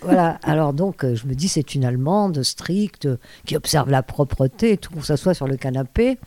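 Older lady rambling thru her old stories, soft mellow voice, lots of umms, dry room. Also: deep voice, animated, normal speed, no echo. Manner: rambling, hesitant, many fillers and restarts. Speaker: interviewee, former radio host. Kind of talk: anecdotal storytelling.

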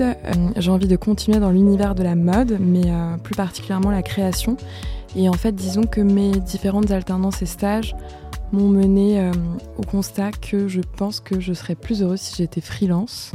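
A young woman in her twenties, a fashion communication student, talking about her plans in a measured way with frequent hesitations. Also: medium pitch, steady tone, mellow, faint music behind. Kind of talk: casual spoken testimony.

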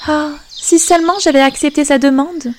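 A woman voicing a spoiled young princess in a storybook reading, speaking high and exclaiming. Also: normal speed, darkish tone, slight background noise, close to an everyday voice. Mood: wistful. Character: spoiled young princess, haughty then regretful.

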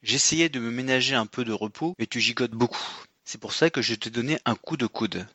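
A man's voice: medium pitch, brisk, sharp tone, husky, no echo, muffled recording. A man reading aloud voices a talking skeleton, plain and matter-of-fact. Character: skeleton with a cavernous voice.

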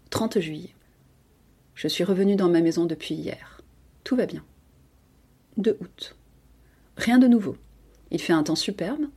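Woman reader, measured literary narration, warm and breathy tone. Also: mid-range voice. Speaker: podcast reader. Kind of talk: literary audiobook reading.

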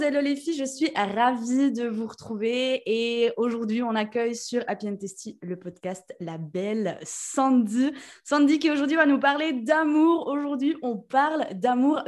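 A woman podcast host with a Swiss French accent from the Jura, chatting casually and lively, with many fillers. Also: fairly high pitch, unhurried. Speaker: podcast host, nutrition therapist. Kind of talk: casual interview chat.

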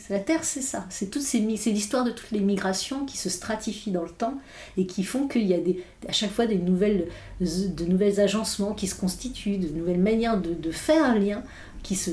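A native English-speaking woman, a philosopher appearing as an interview guest, talks reflectively with many hesitations and restarts. Her voice is medium-pitched and warm, and the recording has a roomy echo.

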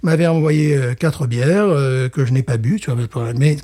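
A man's voice: fairly high pitch, moderate pace, warm tone. Playful laughing man co-hosting a chat. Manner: playful, wordplay, frequent laughter, stammering restarts. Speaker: podcast co-host. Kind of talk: casual chat.

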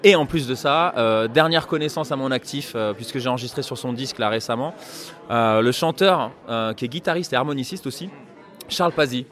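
A man who plays accordion and leads a band, answering interview questions in a relaxed, chatty way with many pauses. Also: medium pitch. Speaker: accordionist and bandleader.

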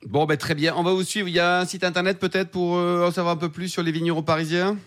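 Male radio host, brisk casual questions, fast and fairly high. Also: flat delivery, a bit bright. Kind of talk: radio interview.

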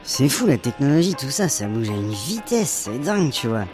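A woman's voice: rumbling low, sing-song, moderate pace. A woman playing a laid-back, easily amazed stoner companion in a fantasy parody, talking in casual slang. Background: music.

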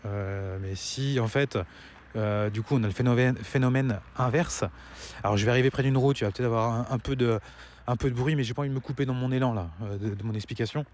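A man's voice: medium pitch, fast, a little mellow, slight background noise. A man giving a casual opinion monologue to viewers as a vlogger, rambling and stammering, swallowing words as he walks outdoors. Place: outdoors, walking, nearing a road.

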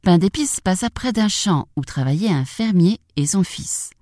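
A woman narrating a children's story in an expressive, animated storytelling manner. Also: lowish voice, moderate pace, no echo. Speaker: storybook reader.

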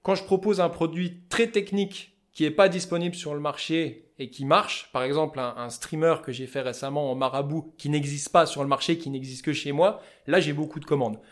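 A man with a Vosges accent, a fly-tying business owner talking loudly and passionately as an interview guest. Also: on the high side, steady tone, brisk, few pauses. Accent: Vosges French. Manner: loud, passionate, talkative. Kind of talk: casual interview chat.

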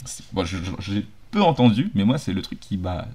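Deep-voiced man chatting about a film. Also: sing-song, normal speed, dark tone, slight background noise. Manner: hesitant, many fillers and restarts. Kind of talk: casual film discussion.

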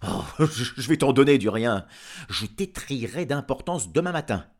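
A man doing a gruff, irritable old farmer. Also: medium pitch, sing-song, normal speed, pitched above the performer's own voice. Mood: angry. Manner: barking, irritable outbursts.

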